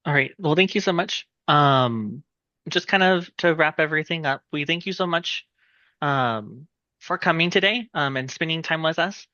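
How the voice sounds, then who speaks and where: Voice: mid-range voice, moderate pace, bright, forceful tone, no room sound. Hesitant host with dull, dry audio. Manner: hesitant, with frequent fillers. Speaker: host wrapping up the meeting. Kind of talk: closing remarks on a video call. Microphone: video call.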